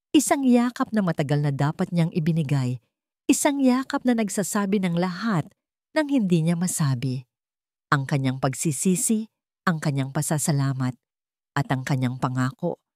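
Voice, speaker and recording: A woman with a Filipino accent narrates a scripted dramatic story in a deep, warm voice, recorded at studio quality with no echo.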